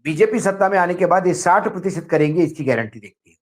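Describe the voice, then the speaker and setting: A middle-aged man commenting on politics in an animated way, telling stories with acted quotes. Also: high voice, fast talker. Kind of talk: political discussion.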